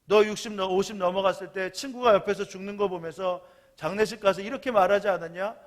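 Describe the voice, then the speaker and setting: A man voicing God in a sermon story, gruff and scolding a dead young man. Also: high-pitched, fairly even intonation, quick pace, lightly acted. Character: stern scolding God, elderly male voice.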